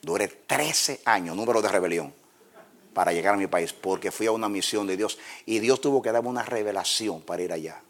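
A man from the Republic, preaching as a pastor and telling lively personal stories. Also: fairly low pitch, fairly quick. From Dominican Republic. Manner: lively storyteller, acts out dialogue and laughs at his own stories. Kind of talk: sermon with personal anecdotes.

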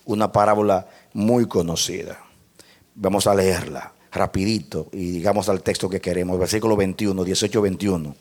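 A man's voice: deep voice, fairly even intonation, normal speed, a little mellow. A man preaching a sermon, reading scripture aloud, acting out quotes, and stretching key words for weight.

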